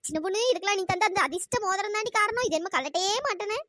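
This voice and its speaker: A woman voicing a bossy, sharp-tongued old wife in a cartoon who taunts and threatens her husband. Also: very high voice, racing, slight background noise. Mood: gloating.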